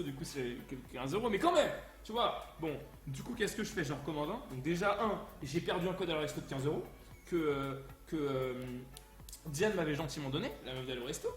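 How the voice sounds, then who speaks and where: A man streaming live, telling a story casually in an animated, crude way with lots of fillers. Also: fairly high pitch. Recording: roomy echo, faint music.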